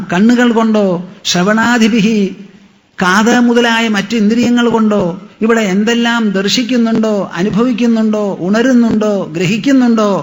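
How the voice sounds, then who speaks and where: A man. He draws out chanted verses slowly and repeats key phrases for emphasis. His voice rings through a large hall with a long echo. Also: very high-pitched. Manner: mixes in English explanations. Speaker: spiritual teacher. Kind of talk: devotional discourse.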